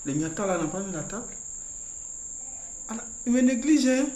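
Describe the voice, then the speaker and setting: A man acting in a comedy sketch, animated and rambling. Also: high-pitched, normal speed, roomy sound, slight background noise.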